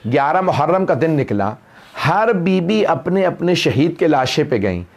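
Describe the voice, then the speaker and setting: A man's voice: fairly high pitch, very animated, a little slow, gravelly. A man, a cleric, recites a mourning sermon, narrating a lament and rising into wailing cries. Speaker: Shia cleric reciting a majlis.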